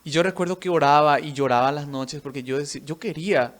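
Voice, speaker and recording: Talking a little fast in a somewhat high voice, a man who preaches as a missionary and plays music relates his personal testimony of faith for an interview. He speaks earnestly, as if telling a story, and keeps adding a questioning "right?"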